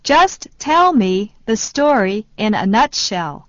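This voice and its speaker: A woman slowly and deliberately repeating short phrases for learners in a language lesson. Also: mid-range voice, very animated, no echo. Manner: very slow, deliberate delivery. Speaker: phrase reader. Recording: dull lo-fi dry sound.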